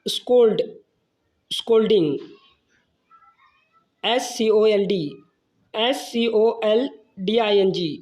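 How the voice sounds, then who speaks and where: A teacher giving a slow vocabulary lesson, spelling each word letter by letter and then giving its meaning. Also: mid-range voice, darkish tone.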